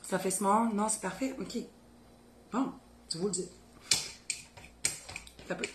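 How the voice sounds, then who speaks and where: A mid-range-voiced woman from Beauce, Quebec, takes it slowly as she chats and thinks aloud during a home-kitchen cooking video, speaking colloquial Québécois with a Beauce accent. The sound is roomy, with a noisy background.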